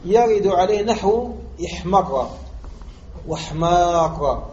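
A man from Algeria teaching a grammar text, pausing to ask his students questions and repeating key points. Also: high-pitched, expressive, a little mellow. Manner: asks students rhetorical questions and drills the point. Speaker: sheikh teaching Arabic morphology. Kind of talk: classroom lesson explaining a grammar text. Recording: muffled lo-fi lesson recording with faint background noise.

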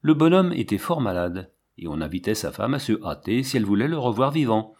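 Male audiobook narrator, lowish voice, measured and dramatic. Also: lively intonation, a little mellow.

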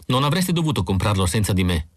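A man voicing an excited, affectionate young wife in an audiobook reading. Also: fairly low pitch, fast, no echo, clean studio sound. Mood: indignant.

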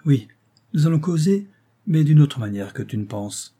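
A man voicing a petulant young actress who mocks her lover in sharp, raised bursts. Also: a little high, lively intonation, normal speed, slightly rough, pitched above the performer's own voice. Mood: commanding.

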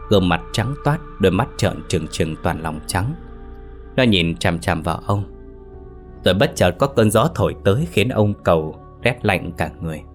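A man reading a ghost story aloud in a measured, suspenseful way. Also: deep voice. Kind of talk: scripted ghost story narration. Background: faint music.

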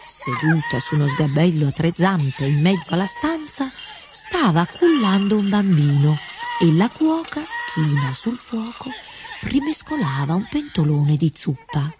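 A woman reading a fairy tale aloud with slow, expressive storybook narration. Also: fairly low pitch, noisy background.

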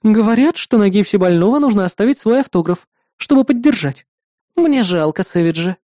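A man's voice: high voice, expressive, brisk, warm tone, dry recording, clean studio sound, voice pushed up. A man voicing a sly, teasing young woman partner in an audiobook. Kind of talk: audiobook character voice.

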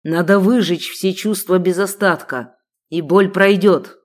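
A woman voicing a jealous, possessive male sheikh who growls his lines, menacing and loud. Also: low voice, a little slow.

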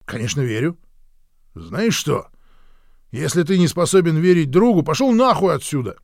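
A man voicing a rough male drinking buddy who speaks brusquely in a raised voice. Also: a little high, big pitch swings, normal speed, no echo, studio quality, voice pushed up, full character voice. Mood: angry.

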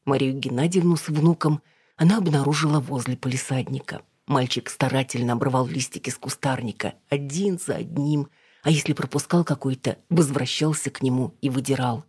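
An audiobook reader narrating a novel in a steady, even storytelling manner. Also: mid-range voice, a little fast, breathy edge, no echo, clean studio sound.

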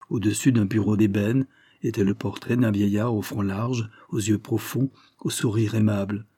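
A man narrating a classic novel in the first person in a measured, even storytelling manner. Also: on the low side, breathy edge, dry recording, clean studio sound. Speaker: audiobook narrator.

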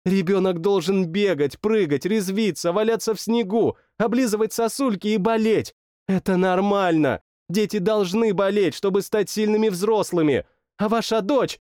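A man putting on a high stubborn young woman, scolding, pleading, dry close sound, audiobook. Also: a little mellow, clear, resonant tone, no echo, natural voice. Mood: lecturing. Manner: pleading, scolding, quick protests. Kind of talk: audiobook narration.

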